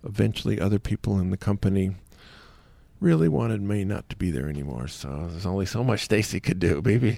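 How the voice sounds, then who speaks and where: A man's voice: deep voice, lively intonation, brisk, creaky, warm tone, no room sound. A man hosting a radio talk show in a studio, rambling a little with fillers. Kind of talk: casual radio chat.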